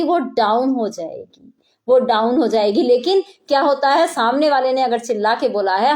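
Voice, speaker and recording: A woman's voice: high voice, a little mellow. A middle-aged woman preacher giving an earnest sermon, repeating key phrases for emphasis.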